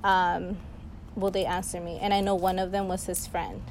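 A woman's voice: on the low side, flat delivery, moderate pace, slight background noise, low-quality recording. A young woman recounting film scenes in casual chat for a class discussion, chatty with lots of fillers. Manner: chatty, many fillers, laughs easily.

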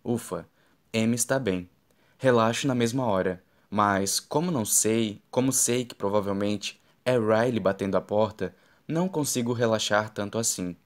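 A man narrating a novel in the first person, with steady, even reading. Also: lowish voice, normal speed. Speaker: audiobook narrator.

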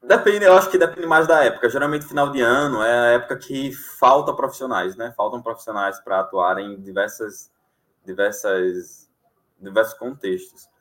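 A young man from Alagoas, Brazil, who works as a sign language interpreter, chats casually in an interview. His medium-pitched voice moves at a moderate pace, relaxed, full of fillers and quick to laugh.

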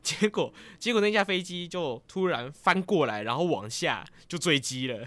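A man casually retelling a dream in a rambling, lively way as a vlogger. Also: fairly high pitch, normal speed, no room sound. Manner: rambling and lively, grows excited as the story goes on.

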